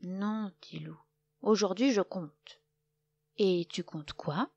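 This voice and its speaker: A woman voicing a grumpy young male wolf who gets vexed and shouts, in a children's storybook reading. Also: mid-range voice, slow, vocal fry, highs cut off. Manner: huffy, easily vexed, shouting when mocked.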